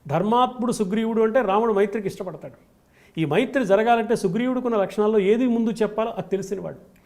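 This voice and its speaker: A man's voice: high-pitched, quick pace, darkish tone. A man, a spiritual scholar, giving a devotional discourse on scripture, stressing points in rhythmic lists. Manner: emphatic, rhythmic lists of qualities.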